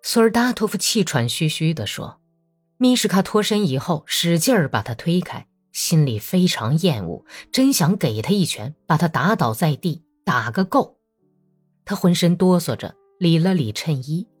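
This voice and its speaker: A woman narrating a novel as an audiobook, measured and expressive in her storytelling. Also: lowish voice, breathy edge, dry recording, faint music behind.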